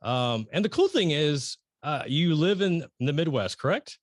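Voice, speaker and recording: Lively, rambling male interviewer. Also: a little high, a little slow, dry recording, studio quality. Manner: rambling, restarts often, excitable emphasis. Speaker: podcast host interviewing a guest. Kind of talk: casual interview.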